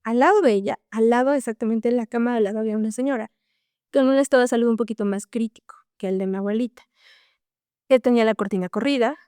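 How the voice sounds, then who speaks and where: A woman's voice: a little high, fast talker, a little mellow, clean tone, no room sound, clean studio sound. A young woman guest telling a personal story in an earnest, casual way, often tagging her lines with a questioning "no?". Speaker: podcast guest.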